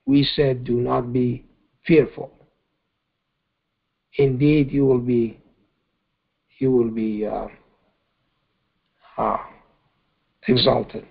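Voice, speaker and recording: A man's voice: medium pitch, little pitch movement, extremely slow, creaky, pauses often, highs cut off. A man leading a scripture study, explaining verses in a conversational way and often checking in with "okay?". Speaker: Quran study teacher.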